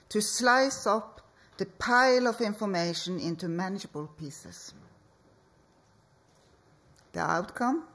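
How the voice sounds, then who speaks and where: Measured, slow-paced woman presenting. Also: medium pitch. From Norway. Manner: measured, deliberate, with pauses between phrases. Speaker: architect, conference speaker. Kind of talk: conference presentation. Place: conference hall.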